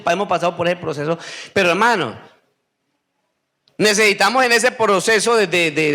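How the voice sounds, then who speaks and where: A man, a pastor preaching a sermon, asking the congregation questions and stretching out the answers. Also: pushed and bright. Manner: call-and-response questioning, drawn-out answers; acts out whiny voices in a high squeak.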